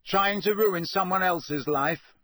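Harry is a man putting on a teenage schoolboy, a little lifted from the reader's own voice, blunt and quick to anger. The reading is close and dry. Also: on the high side, big pitch swings, fairly bright tone, husky, dry recording, pitched above the performer's own voice, exaggerated voice. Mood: furious. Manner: blunt, angry. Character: teenage schoolboy hero, blunt and hot-tempered.

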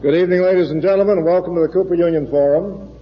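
American male forum chairman, formal and deliberate with dry humor, muffled 1960s recording with long hall reverb. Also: sits high, fairly even intonation, slightly rough, faint music behind. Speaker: forum chairman introducing a speaker. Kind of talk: formal public introduction. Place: large lecture hall.

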